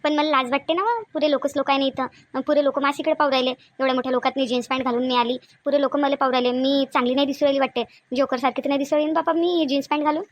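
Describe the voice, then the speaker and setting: Here she rattles off lines with hardly any pauses, her high voice steady and close to everyday speech, with no room sound at all. The role is again the cartoon's shy, naive newlywed wife, fretful and exclaiming in bashful worry, delivered in colloquial Vidarbha Varhadi Marathi.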